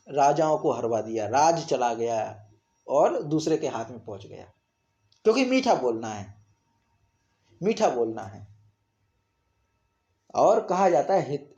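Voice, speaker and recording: A man's voice: fairly high pitch, dark tone. Man teaching a scripture class. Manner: explains verses, chants Sanskrit lines slowly. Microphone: online class recording.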